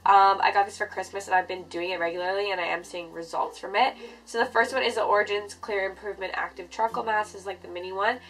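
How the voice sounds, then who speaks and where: A woman's voice: medium pitch, steady tone, quick pace, fairly bright tone, slight background noise, low-quality recording. Young woman with a congested, stuffy nose. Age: 20s. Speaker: beauty vlogger. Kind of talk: casual skincare vlog talk to camera. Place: furnished bedroom, indoors.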